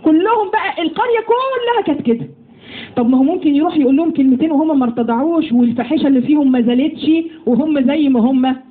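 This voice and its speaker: A woman with an Egyptian accent giving a lively religious lesson to women, often putting questions to her listeners. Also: sits high, fast talker. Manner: lively, asks the audience questions. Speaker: religious teacher. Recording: tinny phone-like audio with faint noise.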